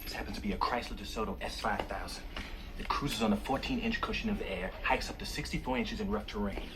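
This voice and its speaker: An actor playing a confident nightclub owner in a film, talking smooth and fast. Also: male voice, fairly low pitch, noisy background, close to an everyday voice. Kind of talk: film dialogue. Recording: film audio with music.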